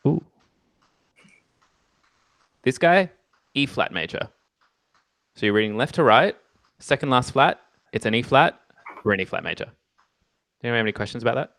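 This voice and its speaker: A man's voice: mid-range voice, lively intonation, normal speed, vocal fry, pauses often, a bit bright, no echo. A man teaching music theory in a casual one-on-one lesson, chatty and explaining step by step, with playful jokes and self-teasing asides. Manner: chatty explaining with many ums and okays.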